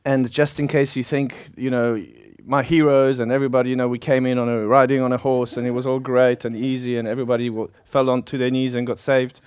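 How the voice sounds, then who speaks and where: A man's voice: medium pitch, level tone, brisk, few pauses, a little mellow, clean tone, dry recording. A middle-aged man from South Africa with a South African accent, Polish by birth, preaching informally with a chatty, self-deprecating manner and frequent laughter. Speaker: pastor.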